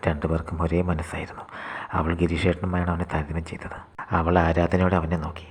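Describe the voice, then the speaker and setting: A man narrating a short story in a hushed, often whispered reading. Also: low-pitched, flat delivery, brisk, husky, in a large hall.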